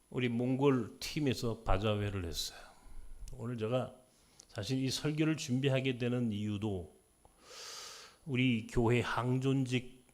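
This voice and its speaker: An older male pastor preaching a sermon with emphatic exhortation and rhetorical questions, dropping at times to hushed near-whispers. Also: medium pitch. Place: church.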